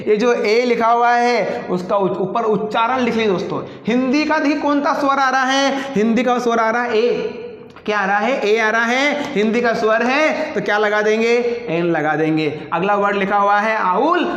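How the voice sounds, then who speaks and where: A man teaching an exam-prep English lesson, talking in a chatty way and repeating his questions back to the class. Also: sits high. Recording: echoey room with long reverb.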